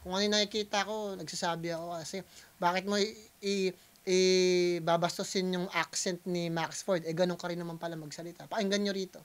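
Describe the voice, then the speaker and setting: A Filipino man hosting a reaction video, talking casually in mixed Tagalog and English, pausing often and calling out to his viewers. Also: high voice, level tone, clear, resonant tone. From Philippines. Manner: hesitant Taglish, keeps addressing viewers as guys.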